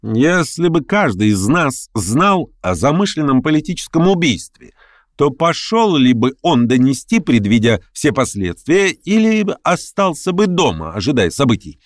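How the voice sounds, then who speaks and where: Brief: scheming young man, pushy and sharp, voice pitched up and swinging wide, a male reader acting him. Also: sing-song, normal speed, no room sound, clean studio sound. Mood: needling. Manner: insistent, needling, raised voice.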